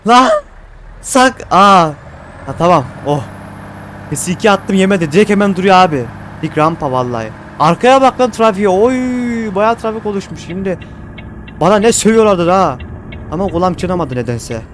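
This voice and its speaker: High-pitched guy yelling at his truck game, mouth numb from the dentist, faint hum behind. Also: normal speed. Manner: excitable, swears and exclaims at the game. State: numb mouth after dental injection. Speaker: gaming streamer. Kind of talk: casual gameplay commentary.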